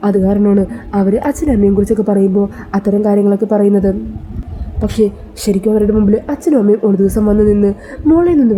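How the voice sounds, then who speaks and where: A caring sister-in-law, as a woman storyteller puts her on speaks in a soothing, reassuring way. Her tone is mellow and dark, and she talks gently through the serial scene. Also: medium pitch, slight background noise, natural voice.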